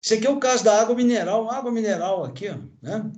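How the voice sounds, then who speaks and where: In an echoey room, a high-pitched, slightly mellow-sounding man talks fast as he lectures on chemistry. He's a Brazilian teacher aged sixty or older who points at a graph and keeps adding tag questions and fillers for his class after almost every phrase.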